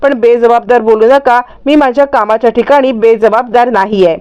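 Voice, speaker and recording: A tearful, pleading young wife, voiced by a woman narrator. Her voice is high and clear. She begs to be believed. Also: steady tone, moderate pace, dull audio, faint music behind, natural voice.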